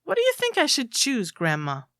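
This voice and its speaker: A woman's voice: sits high, huge pitch swings, normal speed, fairly bright tone, no room sound, clean studio sound, voice pushed up, full character voice. A woman voicing an affectionate young student granddaughter speaking English in a storybook reading. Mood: hopeful asking.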